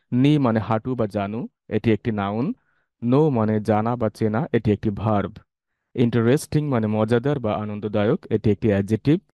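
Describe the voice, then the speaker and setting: Low, mellow Bangladeshi man teaching vocabulary. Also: no room sound. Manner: steady, repetitive word-by-word explaining. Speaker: English teacher. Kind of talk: vocabulary lesson.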